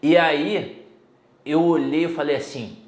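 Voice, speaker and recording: A man's voice: fairly high pitch, slow pace, echoey room. A middle-aged Brazilian man giving a casual exam-prep Portuguese lesson, chatty and full of personal stories. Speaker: Portuguese teacher.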